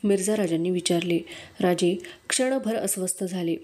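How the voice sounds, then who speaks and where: Woman reader, audiobook narration of a historical novel, steady storytelling. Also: on the low side, moderate pace, slight background noise. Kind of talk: reading a historical novel aloud.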